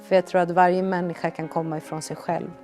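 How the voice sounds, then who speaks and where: A young woman with a low voice telling her own life story in an earnest, reflective way, raising her energy when she re-enacts quoted lines. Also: level tone, darkish tone, faint music behind. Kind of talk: personal storytelling testimony.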